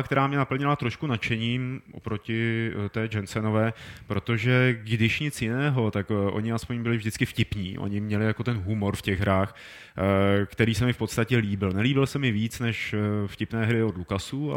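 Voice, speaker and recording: A man hosting a casual gaming podcast, asking the others questions and steering the talk. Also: fairly low pitch. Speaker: podcast host. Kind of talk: casual chat about games.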